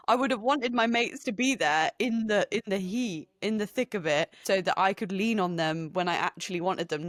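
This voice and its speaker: A young woman co-hosting a podcast in casual chat, lively and full of questions, quick to laugh. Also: medium pitch, no room sound, clean studio sound. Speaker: podcast co-host.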